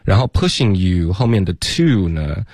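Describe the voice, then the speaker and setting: Low-voiced male co-host, relaxed. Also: unhurried, no room sound. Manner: relaxed, hesitant, laughs often. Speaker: co-host, English teacher. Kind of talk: radio English lesson. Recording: dry studio radio.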